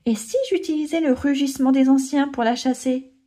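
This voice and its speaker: A woman's voice: high voice, steady tone, brisk, mellow, voice pushed up, natural voice. A woman reading a storybook aloud, voicing an earnest, worried young male lion cub. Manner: earnest, anxious.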